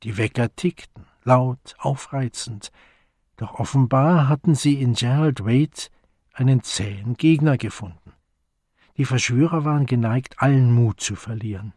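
Man, audiobook narrator, slow pace, dry close sound, even delivery. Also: mid-range voice, dry recording. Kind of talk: scripted narration.

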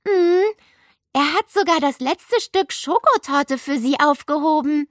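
Woman voicing a high, eager know-it-all schoolgirl. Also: a little slow, dry recording, clean studio sound. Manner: excited, slightly smug.

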